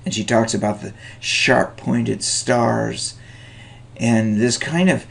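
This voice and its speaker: A middle-aged man lecturing on a short story, animated, with chuckling asides and many fillers. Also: medium pitch, takes it slowly, vocal fry. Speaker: teacher.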